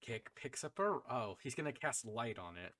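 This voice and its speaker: A man playing in a tabletop game, asking quick questions and explaining his character. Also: mid-range voice, sing-song, crowd noise. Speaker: player.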